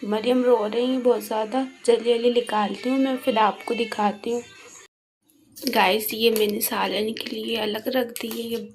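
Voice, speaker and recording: A woman's voice: a little high, normal speed, a little hiss or hum. A woman vlogging at home as a mother, chatting straight to her viewers in a casual, storytelling way. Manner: tells stories with lively back-and-forth. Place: at home, in the kitchen.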